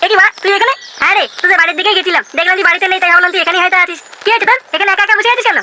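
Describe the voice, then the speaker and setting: A man's voice: extremely high pitch, rapid-fire, pushed and bright, slight background noise. A man voicing the characters in a crude comic cartoon, slangy and swearing constantly. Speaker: cartoon narrator and voice of several characters.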